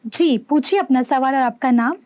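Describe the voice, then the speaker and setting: A woman's voice: high voice, normal speed, a little mellow, no echo. A woman hosting a live call-in show, politely greeting callers and passing their questions to the doctor. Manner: polite, formulaic, courteous. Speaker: show host taking calls.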